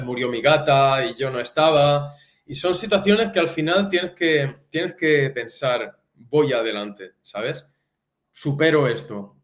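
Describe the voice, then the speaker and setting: A young man from Spain talks casually as a guest, loose and slangy, with a mid-pitched voice. His voice rings in an echoey room. He tells his stories in a relaxed, lively way. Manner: informal, says tío a lot, lively and laughing. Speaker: guest, teacher. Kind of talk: casual chat.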